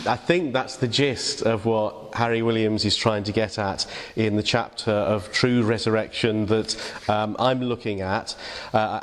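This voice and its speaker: Low-voiced English man giving a reflection in church. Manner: conversational, with many fillers and restarts. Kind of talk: informal sermon reflection. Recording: long reverb of a church hall.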